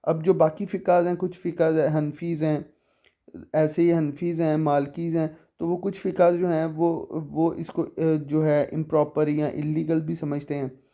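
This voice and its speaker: A man explaining a law section by section. He reads the statute text slowly, then explains it while asking the listener questions. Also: fairly high pitch, little pitch movement, mellow. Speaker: legal explainer.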